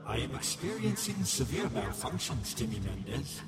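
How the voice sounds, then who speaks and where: A man playing a grave, literal ruling supercomputer with a stilted, deadpan delivery in a sci-fi radio drama. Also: mid-range voice, normal speed, natural voice.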